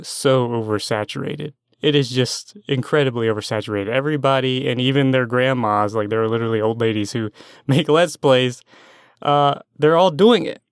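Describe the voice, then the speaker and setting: A man's voice: medium pitch, no echo, clean studio sound. A young man hosting a solo podcast, thinking aloud in a meandering, self-doubting way and sometimes losing his train of thought. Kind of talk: rambling stream-of-consciousness monologue.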